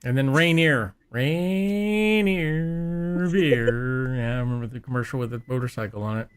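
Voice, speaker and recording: A man's voice: medium pitch, racing, smooth. A man talking as a panelist in a casual fan chat, rambling, restarting sentences, and joking as he goes.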